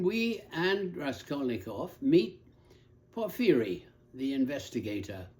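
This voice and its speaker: Man lecturing on a classic novel, slow and deliberate, earnest storyteller, fairly high but mellow voice. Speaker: lecturer on literature. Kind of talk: scripted lecture narration.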